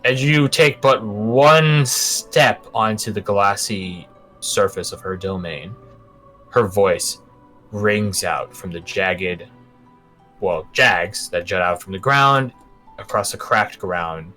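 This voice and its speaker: A man with a lowish, bright voice runs a tabletop game as game master. He sets scenes with dramatic pauses, then drops into casual explanation, with faint music behind him. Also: rough recording. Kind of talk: narrating a tabletop game, scripted-sounding description mixed with casual asides.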